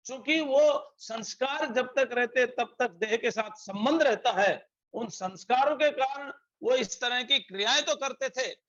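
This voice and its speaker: A man's voice: extremely high pitch, pushed and bright. A man with a Rajasthani Hindi accent giving a spiritual discourse, explaining scripture, quoting Sanskrit verses and asking rhetorical questions. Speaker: spiritual teacher. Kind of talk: sermon. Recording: dull lo-fi recording.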